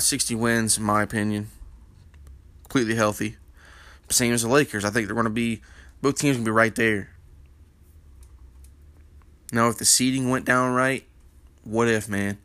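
A man's voice: medium pitch, fairly even intonation, normal speed, long pauses, a bit bright, dry recording. A man hosting a basketball news panel in casual commentary, with a congested morning voice from a sinus infection, rambling with many fillers. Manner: rambling, filler-heavy, opinionated.

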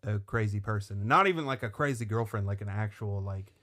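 A man co-hosting a casual podcast chat, ranting sardonically with plenty of swearing and a steady stream of fillers. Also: on the low side, fairly quick. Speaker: podcast co-host.

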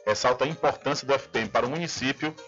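A man's voice: mid-range voice, racing, a bit bright. A man presenting radio news a script. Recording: slightly dull radio audio, music bed. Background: faint music.

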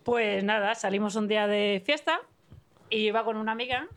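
A woman's voice: medium pitch, moderate pace, fairly bright tone. A woman from the audience telling a casual anecdote on a live comedy show, acting out the dialogue as she goes. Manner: chatty, storytelling with quoted dialogue. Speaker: audience member telling a story.

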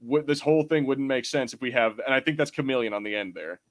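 On a pop culture podcast, this man co-hosts in a loose, slangy, rambling way, speaking fast in a mid-range voice.

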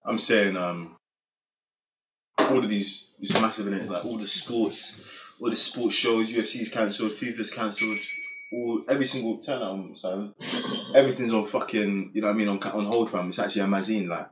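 Fast-talking young man, low voice. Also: fairly even intonation, pushed and bright, slight background noise. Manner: slangy, emphatic, repeats phrases. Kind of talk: casual group chat. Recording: echoey room, slightly muffled.

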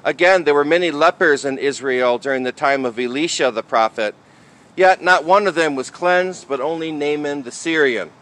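A man speaking as a priest in a liturgical reading and homily style, with measured, deliberate phrasing. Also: fairly high pitch, a bit bright. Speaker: priest reading the Gospel and preaching.

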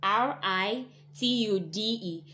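A woman hosting a casual podcast, talking in a measured, advising way. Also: mid-range voice, sharp tone, a little hiss or hum. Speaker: podcast host.

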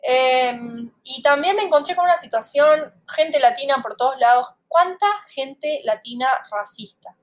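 Argentine woman co-host, chatty and playful, fairly high voice. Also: unhurried, hardly any pauses. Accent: Argentine Spanish. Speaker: podcast co-host. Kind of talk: casual podcast conversation.

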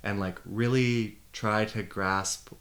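Deep-voiced man hosting a podcast. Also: slow pace. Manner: curious, relaxed questioning. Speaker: podcast host. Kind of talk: casual conversational interview.

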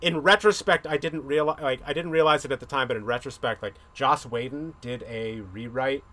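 A man's voice: mid-range voice, brisk, pushed and bright. A man hosting a podcast, chatting casually and rambling about films, with a loose manner and the odd swear. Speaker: podcast host. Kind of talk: casual chat.

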